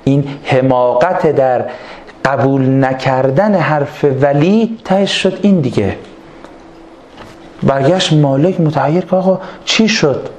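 Animated male preacher in an echoey room. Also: medium pitch. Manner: lively, acts out quoted voices, colloquial. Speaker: religious lecturer. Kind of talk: storytelling religious lecture. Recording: echoey room with faint ambient noise.

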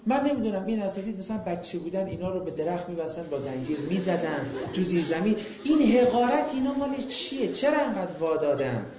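A man's voice: high voice, expressive, few pauses, crowd noise. A man giving an impassioned public talk, firing off rhetorical questions and mocking remarks, then taking questions from the audience. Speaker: lecturer. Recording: echoey room.

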